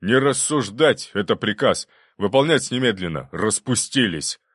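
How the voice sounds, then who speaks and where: A man's voice: mid-range voice, lively intonation, normal speed, breathy edge, no echo, clean studio sound, voice pushed up. A man voicing an anxious, weak male governor who frets and pleads, then barks orders. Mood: barking. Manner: fretful, pleading, bursts into barking orders.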